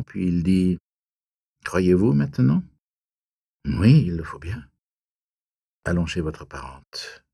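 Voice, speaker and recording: A man narrating a classic story in an audiobook reading, measured and even. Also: deep voice, breathy edge, no echo, clean studio sound.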